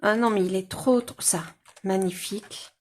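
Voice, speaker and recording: A woman's voice: medium pitch, fairly even intonation, normal speed, a little mellow, slight background noise. A woman chatting casually and rambling with many fillers as she shows her colorings to viewers. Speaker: coloring-book YouTuber.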